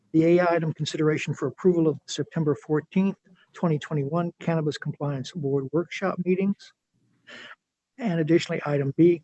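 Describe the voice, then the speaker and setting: Measured board chair running motions and votes, husky, mellow, dry sound. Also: male voice, a little high, dry recording, low-quality recording. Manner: measured, procedural. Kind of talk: chairing a formal meeting.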